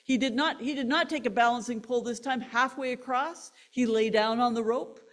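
A woman pastor, delivering a sermon as an animated story and laughing between lines. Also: on the high side, a little fast.

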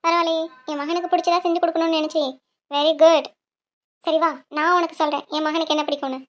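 A woman voicing a bossy aunt in a cartoon, approving and giving orders in a very high voice. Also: flat delivery, fast, a bit bright. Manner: approving, commanding. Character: mother-in-law aunt, pleased and bossy.

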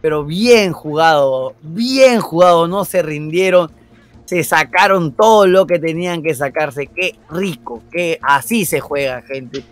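A man's voice: on the high side, unhurried. Emphatic esports co-caster man. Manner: relishing, emphatic, repeats phrases. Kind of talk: live esports commentary.

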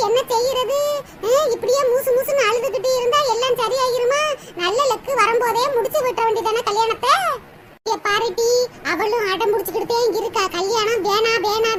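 A woman's voice: extremely high pitch, fairly even intonation, fairly quick. A woman voicing a bossy village auntie in a cartoon, chiding and instructing. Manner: scolding, chiding rural speech. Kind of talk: cartoon voice acting. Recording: loud noise over the recording.

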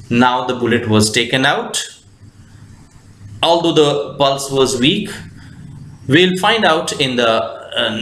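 A man with an Indian English accent reading a story aloud and explaining it as a teacher, with slow, deliberate phrasing and frequent fillers. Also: medium pitch, a bit bright, echoey room.

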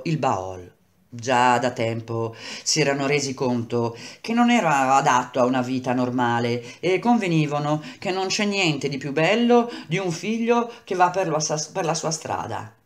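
Woman giving an expressive reading of a novel. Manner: expressive, with wide swings of pitch and loudness; slows down and stretches key words for effect. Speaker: reader.

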